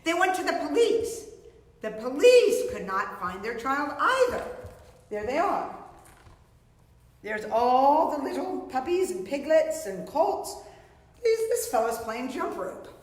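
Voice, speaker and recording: Before a painted storybook backdrop indoors, a middle-aged children's storyteller reads a picture book aloud in a theatrical, explanatory way. Her high-pitched voice is very animated and slow, and the room is strongly reverberant.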